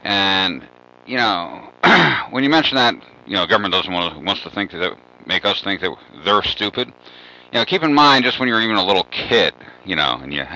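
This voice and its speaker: Male radio guest, lowish bright voice, meandering storyteller with constant fillers. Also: low-quality recording. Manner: rambling, many "you know" fillers. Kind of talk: radio talk show interview.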